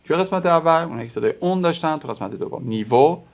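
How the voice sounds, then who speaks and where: A man whose first language is Persian, teaching a beginners' French lesson, explaining step by step and slowly repeating example words. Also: on the high side, animated, vocal fry.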